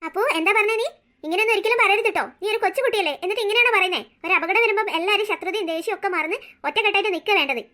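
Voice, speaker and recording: A steady middle-aged cartoon father reassures his family and lectures them in a quick, bright voice. A woman acts him out. He sounds even and unshaken. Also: extremely high pitch. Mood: steady reassuring. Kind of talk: cartoon story voice acting.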